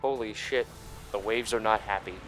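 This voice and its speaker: Speaking at a normal speed in a voice on the low side, a man hosts a video game playthrough with faint music playing behind him. The commentary rambles, and he is foul-mouthed and theatrical, hamming it up with mock shouts.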